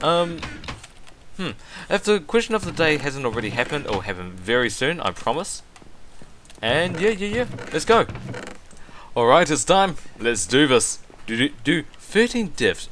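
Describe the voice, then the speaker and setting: A man hosting a gaming video, chatting casually over his gameplay, excitable, with lots of ums and laughs. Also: medium pitch, a little hiss or hum.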